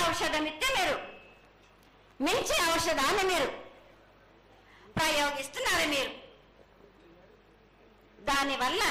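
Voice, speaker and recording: A woman speaks as an oracle in a prophetic trance, commanding and halting, addressing devotees as her children as a mother goddess would. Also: high-pitched. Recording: echoey, faint background noise at public ritual.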